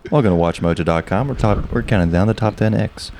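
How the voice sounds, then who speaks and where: A man's voice: on the low side, background noise. A young man co-hosting a comedy podcast, trading crude wisecracks in casual chat. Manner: crude, wisecracking, quick riffs. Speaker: podcast co-host.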